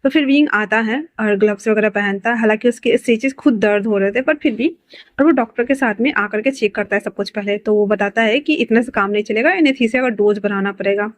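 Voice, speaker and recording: A woman's voice: mid-range voice, brisk, no room sound. A woman narrating her own fan-fiction story in a chatty, casual way, with fillers and asides.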